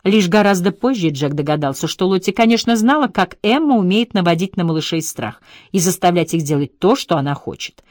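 A woman calmly narrating an audiobook in an even storytelling manner. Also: lowish voice, fairly quick, few pauses, no room sound, studio quality. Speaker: audiobook reader. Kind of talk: scripted narration.

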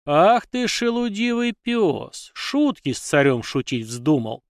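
A man voicing an enraged, menacing older tsar who hurls drawn-out insults. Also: medium pitch, no room sound, clean studio sound, natural voice. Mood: raging. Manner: shouting, spitting abuse, drawn-out words.

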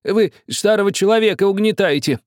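A man's voice: sits high, fairly quick, dry recording, clean studio sound, pitched above the performer's own voice, lightly acted. A man voicing a stubborn, quarrelsome old village man who grumbles, wheedles and threatens. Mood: menacing.

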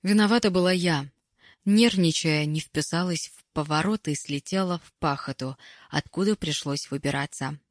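A woman narrating an audiobook in a measured, wry storytelling manner, recorded close on the mic. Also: low-pitched, no echo.

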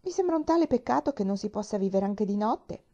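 A woman's voice: mid-range voice, lively intonation, fast talker, mellow, lo-fi sound. A woman voicing a cheerful, chatty little girl in a storybook reading, eager and bubbly.

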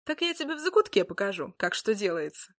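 A woman's voice: medium pitch, very animated, quick pace. A woman voicing a boastful, simple-minded male dragon who can turn into a man, blunt and grumbling. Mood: indignant.

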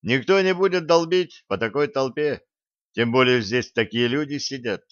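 A man's voice: medium pitch, moderate pace, fairly bright tone, dry recording, lo-fi sound, voice pushed up, lightly acted. A man voicing a sardonic, skeptical accomplice. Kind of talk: audiobook character voice.

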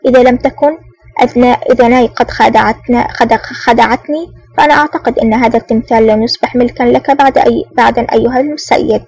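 A woman reading an elegant, smug and menacing man with a smooth, sly manner in an audiobook. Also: a little high, steady tone, fast talker, a little mellow, low-quality recording. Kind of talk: audiobook narration.

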